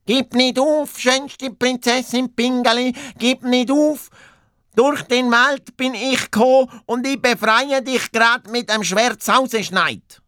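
A man putting on a cocky little hare knight for a storybook, high and excited, tacking his last words on again. The voice swoops about brightly with a lilt. It is recorded dry and close. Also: unhurried, few pauses, no room sound. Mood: eager shouting. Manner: high excited repetitive boasting, repeats phrase ends. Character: boastful cowardly male hare knight.

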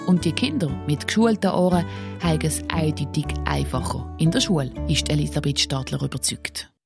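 A woman with a Swiss German accent, a radio reporter reading scripted narration and asking interview questions in a measured way. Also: low voice, over music.

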